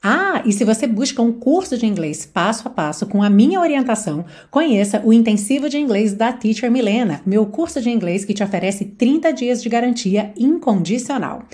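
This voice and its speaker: A woman, teaching English on a podcast in a lively, explanatory way. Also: fairly high pitch, moderate pace, few pauses, breathy edge.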